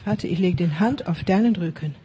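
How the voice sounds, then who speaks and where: A preacher leading charismatic prayer ministry, fervently repeating blessings, dropping into whispers at times and mixing in English phrases. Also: male voice, high-pitched, fairly quick, dark tone, dull audio, slight background noise. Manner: fervent, repetitive chanting of blessings; mixes English phrases into German.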